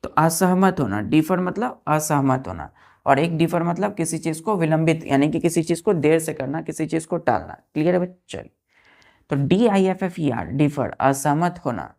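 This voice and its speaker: Woman teacher, low gravelly voice, slow and repetitive, questions her class. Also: animated, a little mellow. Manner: slow, explains each word twice, asks the students questions. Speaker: English vocabulary teacher. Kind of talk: classroom lesson for exam students.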